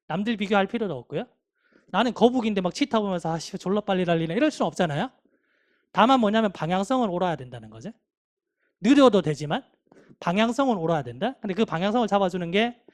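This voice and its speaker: Chatty, emphatic grammar teacher lecturing. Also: mid-range voice. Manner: chatty and emphatic, nagging with rhetorical questions; acts out quoted speech of students. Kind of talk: classroom lecture, motivational aside.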